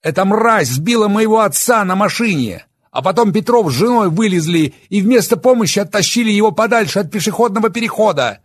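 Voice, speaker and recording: A man voicing a furious, bitter young man who shouts and sneers. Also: high voice, expressive, a little fast, hardly any pauses, breathy edge, pitched above the performer's own voice. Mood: raging. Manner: shouting, raging, bitter sarcasm.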